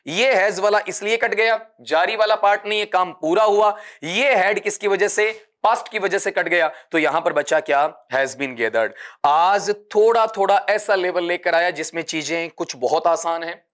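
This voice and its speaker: A man's voice: high voice, fairly bright tone. A man teaches an exam-prep grammar lesson. He talks straight to his students, calling them "beta". He asks question after question and answers each one himself.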